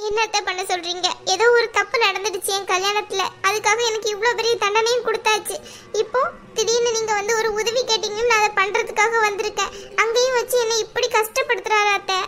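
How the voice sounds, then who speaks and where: A woman's voice: extremely high pitch, steady tone, fast, a bit bright. Poomari, anxious young cartoon wife voiced by a woman. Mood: pleading. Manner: anxious, pleading. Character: worried young wife, tearful and pleading. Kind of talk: cartoon voice acting.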